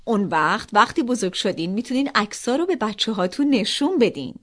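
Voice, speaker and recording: A woman voicing a gentle, patient mother of two little girls in a children's story. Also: fairly high pitch, very animated.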